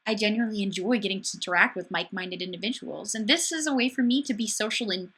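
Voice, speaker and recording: A woman's voice: medium pitch, fast talker, fairly bright tone, slightly rough. A young woman from Wisconsin hosting a casual webcam livestream, chatty and upbeat, reading out viewer comments and answering them with sarcastic asides. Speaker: livestream host. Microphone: webcam mic.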